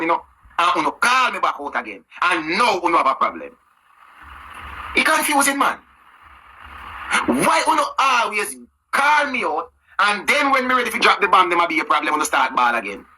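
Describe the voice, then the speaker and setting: A man's voice: sits high, bright, forceful tone, slight background noise, rough recording. A man with a Jamaican accent ranting defensively in casual patois, played in a clip.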